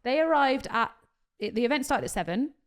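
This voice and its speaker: A woman's voice: high voice, lively intonation, fairly quick. A woman in her thirties, co-hosting a podcast as a casual, swearing storyteller who laughs often. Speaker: podcast co-host. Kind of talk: casual chat.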